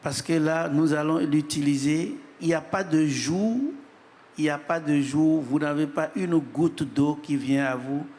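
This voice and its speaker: A man speaking as a panelist in measured, solemn remarks, pausing for his interpreter. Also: a little high, fairly even intonation, a little mellow. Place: large hall at an event. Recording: reverberant hall, faint noise.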